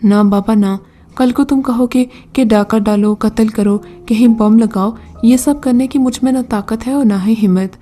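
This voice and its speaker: Storybook role: anxious poor young man, pleading, read by a woman, mellow tone, light music bed. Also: on the high side, steady tone, lightly acted. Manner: pleading, flustered.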